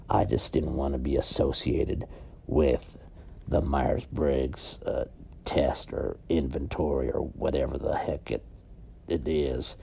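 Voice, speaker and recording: A man telling a rambling deadpan comic story, halting and repeating himself. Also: a bass voice, creaky, slightly rough. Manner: rambling, halting, repeats words, grows agitated. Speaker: comedic monologue performer. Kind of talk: deadpan comedic character monologue.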